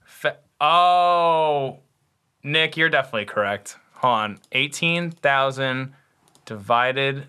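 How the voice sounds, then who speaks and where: Young male podcast co-host, bright tone, rambling and playful. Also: medium pitch, expressive, slow, clear, resonant tone. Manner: rambling, self-correcting, playful. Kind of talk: casual chat.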